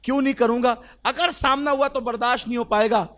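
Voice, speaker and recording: High-voiced emotional Urdu preacher, man. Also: steady tone. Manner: emotional, swells to loud exclamations and drops to soft; asks the audience rhetorical questions. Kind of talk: sermon storytelling.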